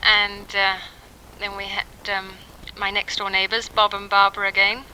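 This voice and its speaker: Here an English mother in her thirties tapes a casual, hesitant message for her family at home in a quiet house during the 1960s, stopping often for ums. Her delivery is completely flat, her mid-range voice sharp in tone. There is a little hiss or hum on the low-quality recording.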